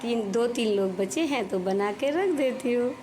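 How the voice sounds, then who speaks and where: Fairly high-pitched and animated, a middle-aged woman with a slightly sore throat talks at a moderate pace against a noisy background. She's a home vlogger chatting in a homely way over footage of her cooking and cleaning, explaining as she works.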